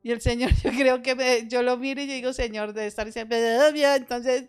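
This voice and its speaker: A woman's voice: on the high side, steady tone, normal speed, clear, resonant tone, faint music behind. A woman talking casually about prayer and spiritual life, reflective and lightly joking, quoting her own prayers. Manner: reflective, self-deprecating humor, quotes her prayers. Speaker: church member in conversation. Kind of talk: casual chat on faith.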